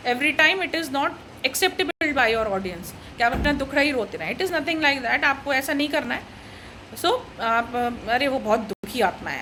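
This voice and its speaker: High-voiced Indian woman lecturing. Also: a bit bright, slight background noise, poor audio. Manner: explains slowly, mixes Hindi and English, asks "right?". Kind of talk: recorded lecture.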